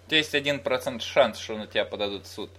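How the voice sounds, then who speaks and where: A young Russian man with a mid-range, slightly bright voice talks quickly in a casual, crude, joking chat with a friend. He tells anecdotes and mimics people.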